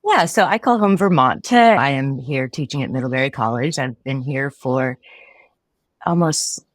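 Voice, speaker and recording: Low-voiced woman in her forties, podcast guest: reflective, unhurried answers, dry close mic. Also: expressive, dry recording. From Connecticut. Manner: thoughtful, frequent restarts and light laughs. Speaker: philosophy professor, podcast guest. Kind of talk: casual interview answers.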